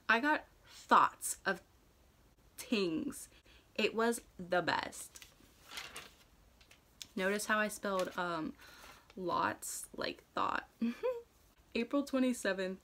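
A young American woman reading and chatting casually, with an animated, theatrical delivery and amused self-mockery. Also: medium pitch. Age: young adult. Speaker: vlogger. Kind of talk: casual chat and reading own childhood diaries aloud. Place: dark room indoors at home.

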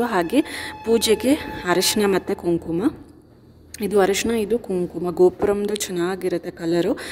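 A young woman from Karnataka, India, chats casually in a home vlog, explaining household things one at a time as she moves from the kitchen to the living room. Her voice is fairly low and mellow, and the echoey room has background noise.

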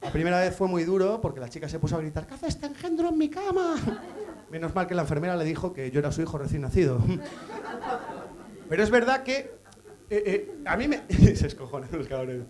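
Brief: cheeky male comedian, high voice, teasing the crowd with crude stand-up bits. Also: animated, fast talker. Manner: cheeky, teases the audience, crude jokes. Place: comedy stage before a live audience.

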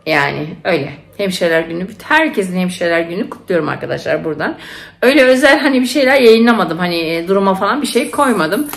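A woman's voice: on the low side, expressive, quick pace, creaky. Chatty woman vlogging at home. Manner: chatty, emotional storytelling with many fillers. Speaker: vlogger, nurse and mother. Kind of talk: casual chat to camera.

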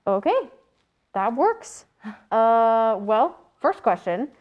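A woman's voice: fairly high pitch, big pitch swings, takes it slowly, lo-fi sound. A young woman hosting a comedy talk show, casual and wry, laughing easily. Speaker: host.

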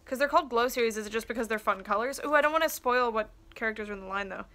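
A young woman with a slightly high voice chats through a toy unboxing, excitable and rambling with plenty of "um" and "like". She sits close to a desk camera in a small room lined with shelves, and loud crinkling of plastic packaging runs under her talk. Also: very fast, very noisy. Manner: chatty and excitable, with frequent "um" and "like". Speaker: toy collector vlogger. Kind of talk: casual unboxing chat. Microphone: camera on desk at close range. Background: crinkling packaging and clicks.

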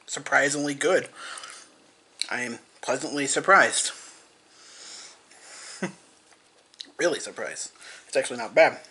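A man's voice: mid-range voice, pushed and bright, husky. A young man casually rambling in a food-tasting vlog, repeating himself and talking with his mouth full. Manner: rambling, repetitive, eats and talks with mouth full. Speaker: vlogger.

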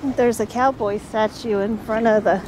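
A woman's voice: a little high, steady tone, normal speed, noisy background. A woman, giving short dry replies while touring a town outdoors. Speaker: travel vlogger. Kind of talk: casual tour chat. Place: outdoors in a small town, windy.

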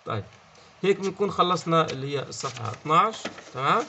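A man's voice: fairly high pitch, animated, fast, bright, forceful tone, lo-fi sound, a little hiss or hum. A man with a Levantine Arabic accent teaching French in an explanatory lesson, often checking in and repeating key words. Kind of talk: online language lesson.

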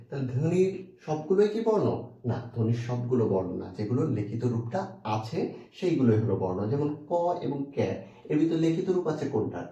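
A man teaching an exam-prep grammar lesson. He asks the viewer questions, answers them himself and breaks words into syllables slowly. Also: medium pitch, warm tone, dull audio. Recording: echoey room, far from the mic.

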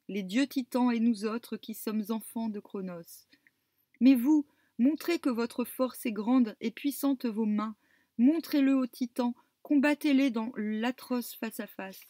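A woman's voice: on the high side, a little mellow, no echo, close to an everyday voice. A woman reading the words of Zeus, the commanding king of the gods, as a solemn exhortation.

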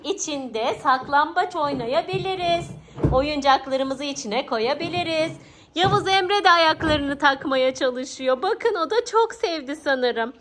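Brief: very high-pitched woman, playful mom host, noisy home video. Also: measured pace. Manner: playful and animated, often laughing. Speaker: mother and channel host. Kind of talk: casual family vlog narration. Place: family home indoors.

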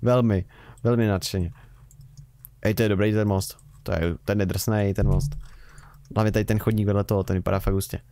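Chatty low-voiced man narrating gameplay. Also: steady tone, long pauses, mellow, clear, resonant tone, dry recording. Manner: chatty, rambling, wry self-mocking remarks. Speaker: Let's Play host. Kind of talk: casual gameplay commentary.

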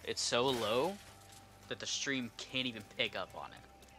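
A young streamer on a headset mic chats casually while playing a game, jokingly mimicking its lines. His voice is medium in pitch and unhurried, with game music underneath.

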